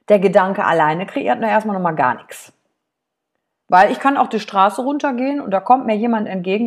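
A woman hosting a self-help podcast, talking directly to the listener with lively rhetorical questions. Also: mid-range voice. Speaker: podcast host and seminar coach.

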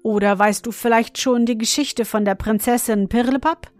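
A woman voicing an odd old godfather and clockmaker, who chants a rasping, monotone clock song and speaks gruffly. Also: a little high, moderate pace, dry recording, faint music behind, close to an everyday voice. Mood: coaxing. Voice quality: rasping, monotone when singing.

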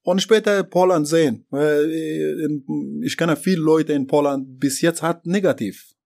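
Afghan guy in an interview, fairly high voice, stumbling broken german, lots of uhs. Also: creaky, a little mellow. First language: not German. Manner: halting, broken German with many fillers and restarts. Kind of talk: interview about his deportation.

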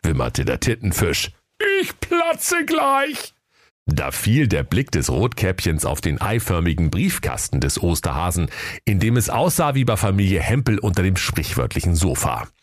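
A man with a northern German accent narrating a comic fairy tale in a lively, playful storytelling manner. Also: sits low, moderate pace, dry recording, studio quality.

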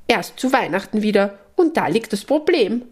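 Woman voicing a tiny church mouse, very high and excited, storybook reading. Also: normal speed, slight background noise, close to an everyday voice. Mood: urgent. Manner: urgent, breathless chatter.

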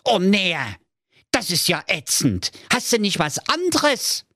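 A young prince who shrieks and whines in near-constant panic. The voice sits very high and swoops wildly from line to line in a dry comedy audio story. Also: male voice, very animated, takes it slowly, bright, forceful tone, no echo, exaggerated voice. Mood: whiny. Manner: shrill, frantic, whining.

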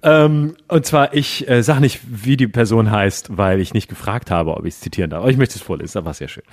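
A man's voice: fairly low pitch, brisk, dry recording, studio quality. A man, a podcast co-host and stage comedian, bantering casually, teasing, laughing often and reading messages aloud with theatrical flair.

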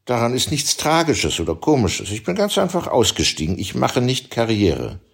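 Cocky tennis pro, brash and argumentative, higher voice, slightly gravelly, a man doing the voice. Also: huge pitch swings, full character voice. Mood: offhand. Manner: brash, quick to argue. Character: cocky, self-assured male tennis ace.

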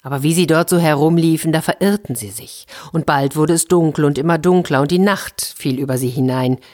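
Brief: low-pitched woman narrator, children's fairy tale, gentle and lively. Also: fairly quick. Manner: gentle, lively storytelling with repetitions. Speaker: storyteller. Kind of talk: children's story reading.

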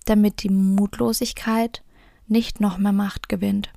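A woman voicing a kind little old woman who is Hope, speaking gently and tenderly, at times in a whisper. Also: medium pitch, little pitch movement, measured pace, creaky, no echo, clean studio sound. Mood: comforting. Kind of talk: fairy tale reading.

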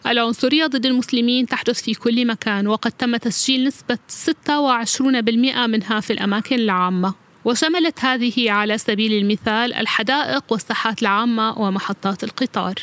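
Female voice, scripted translation voice-over, rapid-fire pace, raised pitch. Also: a bit bright, no echo.

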